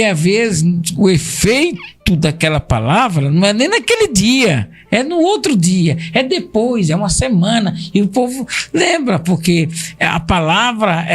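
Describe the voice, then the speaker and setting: A middle-aged man with a Brazilian Portuguese accent, a guest pastor telling testimonies on a podcast and repeating phrases for emphasis. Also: high voice.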